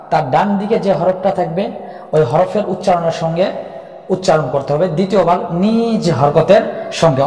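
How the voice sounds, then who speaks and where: A man gives a Quran reading lesson with a somewhat high voice, patiently going over each rule again and again. His voice rings through a roomy space with a long, lingering reverb. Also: mellow. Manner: patient, repeats rules and drills syllables. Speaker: Quran recitation teacher. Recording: echoey room with long reverb.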